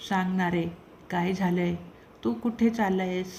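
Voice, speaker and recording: A woman's voice: lowish voice, fairly even intonation, a little slow, a little mellow, slight background noise. A woman reading the part of a frightened young wife who pleads anxiously with her husband in a storybook. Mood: pleading.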